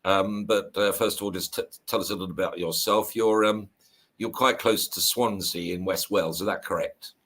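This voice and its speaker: An older man hosting an online history show, chatting in a relaxed way with fillers as he introduces his guest. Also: sits low, normal speed. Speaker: show host. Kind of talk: hosting a video call interview.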